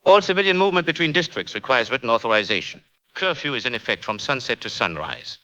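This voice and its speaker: A man's voice: medium pitch, sing-song, quick pace, sharp tone, muffled recording. A man voicing a cold, clipped occupation-authority announcer reading official orders over the radio. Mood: cold, commanding.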